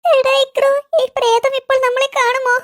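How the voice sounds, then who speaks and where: A voice artist with a Malayali accent playing jittery, easily frightened young boys in a cartoon, chattering fast and wailing in fright. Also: extremely high pitch, level tone, a bit bright. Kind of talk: cartoon voice acting.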